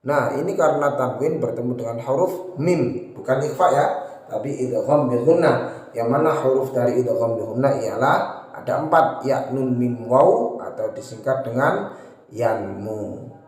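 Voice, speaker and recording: Man teaching Quran recitation, echoey hall. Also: darkish tone. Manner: explains slowly, then chants verses in a higher, drawn-out voice. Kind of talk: tajwid lesson with chanted recitation. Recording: roomy echo with long reverb.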